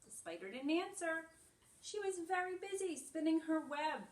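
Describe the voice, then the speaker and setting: At a moderate pace, a woman with a very high-pitched, animated voice reads a story to young kids, using simple, explanatory, show-and-tell phrasing as a preschool teacher would. The recording has room echo and a far-off microphone.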